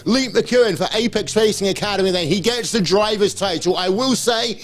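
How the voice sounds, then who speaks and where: A man's voice: high-pitched, brisk, faint music behind. A man with a British accent presenting after a race, upbeat as he reads out results and sets up interviews. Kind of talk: post-race studio presenting.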